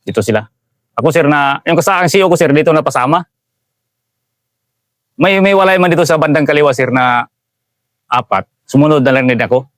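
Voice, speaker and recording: A man's voice: a little high, a little fast, pauses often, a bit bright, dry recording, clean studio sound. A Filipino man, a soldier, recounting a combat ambush in an interview, respectfully adding "sir" to nearly every phrase. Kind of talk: interview storytelling.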